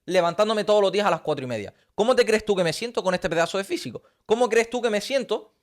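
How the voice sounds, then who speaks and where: Intense higher-voiced motivational man. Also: expressive, fast talker. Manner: intense, preachy, piles up rhetorical questions. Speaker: motivational coach. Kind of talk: motivational talk to camera. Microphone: talking straight to camera.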